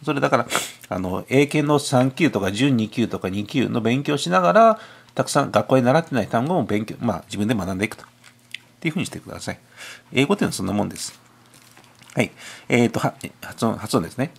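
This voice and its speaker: A man with a cold walks through an English test, answering it as he goes. His voice is husky and a little breathy, and his pitch rises and falls in lively swings. He mutters asides to himself between the answers. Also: quick pace. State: has a cold. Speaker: cram school teacher. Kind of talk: explaining English test questions. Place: tutoring classroom.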